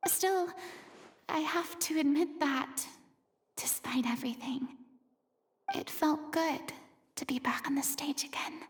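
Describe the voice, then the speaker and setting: A woman's voice: high-pitched, takes it slowly, long pauses, whispered. An actress playing a reserved, easily flustered young female stage performer in a video game. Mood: wistful, subdued.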